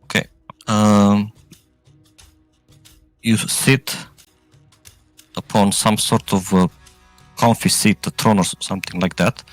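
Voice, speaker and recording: A man's voice: fairly low pitch, fairly even intonation, takes it slowly, pauses often, no echo, faint music behind. A man narrating a tabletop role-playing game as game master, improvising and often searching for his words.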